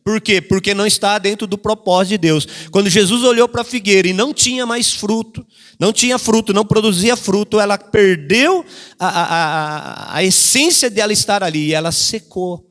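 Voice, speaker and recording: High-voiced pastor preaching in a reverberant hall. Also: male voice, normal speed, fairly bright tone. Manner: repetitive preaching, acting out quoted voices. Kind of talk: sermon. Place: church hall. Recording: long church reverb.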